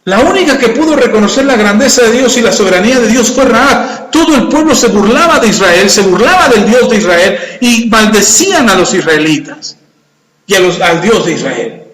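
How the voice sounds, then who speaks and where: A man preaching a sermon, retelling scripture with animated, acted-out dialogue. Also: high voice, moderate pace. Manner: animated storytelling, acting out voices in quotes. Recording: echoey hall with long reverb.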